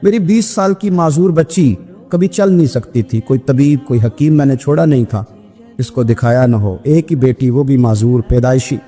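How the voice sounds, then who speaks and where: A man from Pakistan preaching a storytelling sermon, emphatic, his voice climbing high at emotional peaks. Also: mellow. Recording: long hall reverb with music behind.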